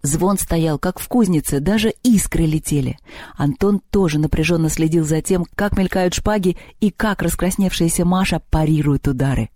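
A man narrating a children's story as an audiobook with lively, expressive storytelling. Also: a little high, normal speed, no room sound, studio quality.

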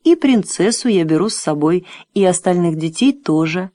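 A woman voicing a brave young boy hero who speaks calmly, firmly and politely in an audiobook. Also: on the low side, moderate pace, no room sound. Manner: calm, firm and polite. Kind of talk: audiobook character voice.

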